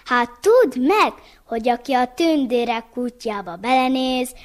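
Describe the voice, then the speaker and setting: A woman's voice: high-pitched, expressive. A woman voicing a sly, boastful male bear from a folk tale, smug and scheming.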